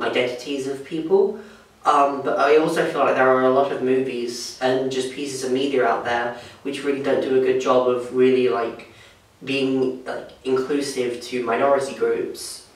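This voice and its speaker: A young man answering vox pop questions, hesitant and full of fillers. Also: mid-range voice. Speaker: interviewee. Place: small indoor room by a door. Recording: echoey room, distant mic.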